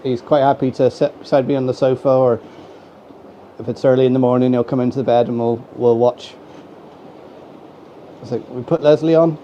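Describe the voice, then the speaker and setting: Stuffy with a head cold, an Irish man chats casually while hosting a live stream and greeting viewers by name, pausing often. His mid-range voice runs at a moderate pace with fairly even intonation. He's in his home model railway room, captured on a dull, slightly lo-fi home mic with faint noise.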